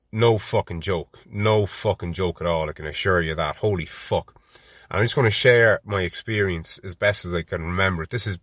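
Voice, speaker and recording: A man's voice: on the low side, a bit bright, no room sound, clean studio sound. An Irish man in his thirties telling a personal story in a casual, rambling, wry way with a lot of swearing.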